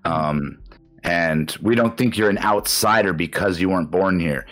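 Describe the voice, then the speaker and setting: A man, talking reflectively in a halting casual chat as a podcast co-host. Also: low voice, a bit bright. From Canada.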